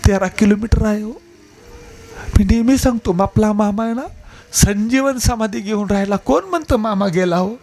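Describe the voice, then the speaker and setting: A man's voice: sits high, moderate pace, darkish tone. A man telling a devotional story as a sermon, emotional and addressing his listeners directly. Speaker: devotional preacher.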